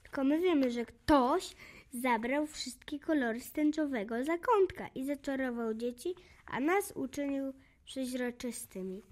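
A woman plays a timid little boy in a children's story. His high voice sounds eager, with a shaky edge of nerves. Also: unhurried. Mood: earnest. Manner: excited, slightly shaky.

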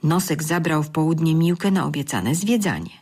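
Woman, storybook narrator, low husky voice, calm and measured.

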